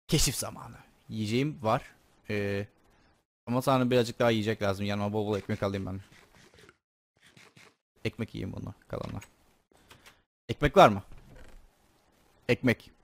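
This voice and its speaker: A man's voice: lowish voice, gravelly, no echo. A young man giving casual, joking commentary while playing a game, chatting to himself and swearing playfully. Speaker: gaming YouTuber. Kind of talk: casual Let's Play commentary.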